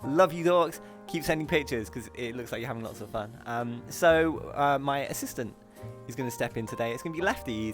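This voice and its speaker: A man hosting a live stream, chatting casually and excitably with viewers and pronouncing his r's as w's. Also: mid-range voice. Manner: says w for r. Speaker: host of a live streamed show.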